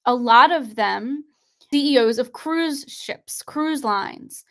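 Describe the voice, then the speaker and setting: Young woman, livestream host, slightly high voice, insistent, rhetorical questions, webcam at a desk. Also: slow pace. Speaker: online show host. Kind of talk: conspiracy commentary livestream. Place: indoors at a desk, screen-sharing.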